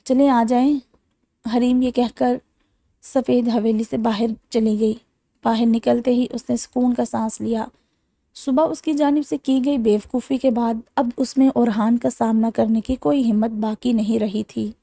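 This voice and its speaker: Creaky, mellow-voiced woman reading a novel. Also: on the high side, no echo, clean studio sound. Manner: steady dramatic reading, reads every character herself. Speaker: audiobook narrator.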